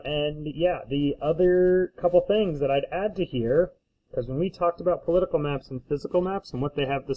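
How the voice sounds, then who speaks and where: A man teaching in a casual instructional screencast, often checking in with a short questioning tag. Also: medium pitch. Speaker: school teacher. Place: indoors at a desk, recording a screencast. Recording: slightly dull lo-fi screencast audio.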